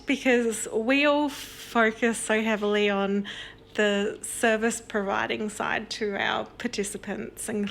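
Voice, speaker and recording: A woman's voice: fairly high pitch, creaky, fairly bright tone. A woman hosting a podcast, upbeat and enthusiastic in casual chat. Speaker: podcast host.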